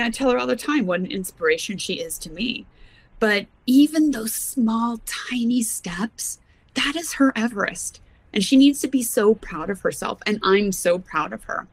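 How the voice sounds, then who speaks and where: A woman's voice: a little high, lively intonation, normal speed, no echo, rough recording. Earnest woman guest who laughs often. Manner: earnest, laughs often, leans on words for emphasis. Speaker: mountaineer guest. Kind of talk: casual interview talk.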